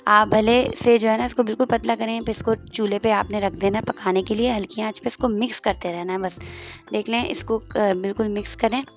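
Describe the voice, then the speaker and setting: A woman's voice: medium pitch, fairly even intonation, fairly quick, faint music behind. A woman hosting her own cooking channel, walking through a home recipe step by step and repeating instructions as she stirs. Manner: homely, repetitive step-by-step instructions.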